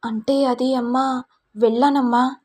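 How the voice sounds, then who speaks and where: A naive, timid young daughter, played by a woman narrator, answering hesitantly and pleading. The voice is fairly high with a husky grain. Told as a storytelling recap. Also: level tone, measured pace, a little mellow. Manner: hesitant, pleading, ends lines with "amma".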